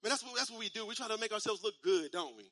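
A man in his thirties preaching a sermon in a conversational style, repeating phrases and using casual slang, building up to shouts. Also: high-pitched, animated, very fast, dry recording. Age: 30s. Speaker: pastor.

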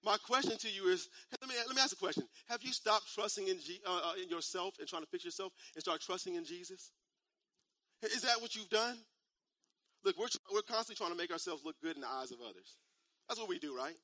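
A man in his thirties preaching a sermon in a conversational style, repeating phrases and using casual slang, building up to shouts. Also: high-pitched, animated, fast, no room sound. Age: 30s. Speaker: pastor.

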